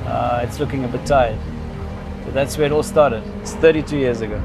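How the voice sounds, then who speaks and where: There's vocal fry in this medium-pitched, brisk voice belonging to a Zimbabwean man in his fifties. He vlogs about his past in a relaxed, explanatory way, accompanied by background music.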